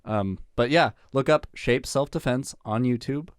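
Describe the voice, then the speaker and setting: A man chatting as a podcast guest, dropping deadpan jokes. He has a mid-pitched voice, and the studio recording is dry and close. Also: measured pace, clean tone, dry recording. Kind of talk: casual podcast chat.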